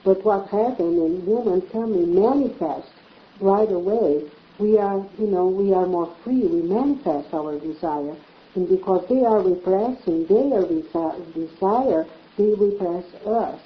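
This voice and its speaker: A woman's voice: mid-range voice, measured pace. Woman, echoey. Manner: earnest, explains with repeated phrases. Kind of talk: casual conversation. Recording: echoey room, dull lo-fi sound.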